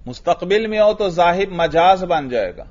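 A man's voice: high voice, animated, muffled recording. A man teaching a grammar class, patiently questioning students and praising their answers.

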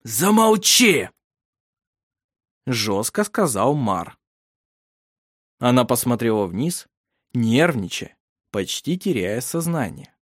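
A man's voice: medium pitch, expressive, slow pace, pauses often, dry recording, studio quality. Man narrating an audiobook.

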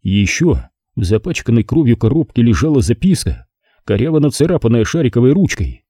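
A man narrating a crime novel as an audiobook in a measured, expressive reading, close to the mic. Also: mid-range voice, slightly rough, no room sound.

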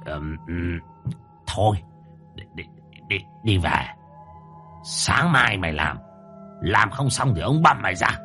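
A man's voice: sits low, animated, slow pace, pauses often, bright, forceful tone, soft background music, full character voice. A man voicing a harsh rich landlord who curses and threatens his servants. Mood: shaken. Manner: barking, cursing, threatening. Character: harsh brutal rich old landlord, bullying.

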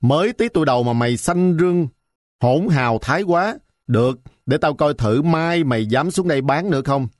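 A man voicing a shrill, sour-tongued old woman who bullies a village market, scolding and threatening. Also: animated, moderate pace, no room sound, studio quality, natural voice. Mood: furious.

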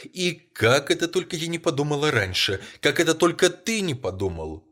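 A man with a husky voice voicing a frantic, grieving old woman who pleads in high, shrill bursts, in a storybook reading. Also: very animated, moderate pace, bright, forceful tone, full character voice. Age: older.

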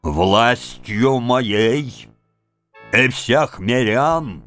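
A man's voice: medium pitch, animated, extremely slow, fairly bright tone, faint music behind. A man voicing a blustering older village head who barks commands in a storybook reading. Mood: blustering angry.

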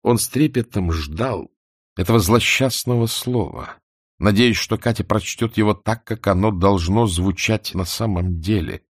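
A man narrating a humorous novel in a wry, expressive storytelling manner on a close studio mic. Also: on the low side, unhurried, husky, no echo. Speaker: audiobook narrator.

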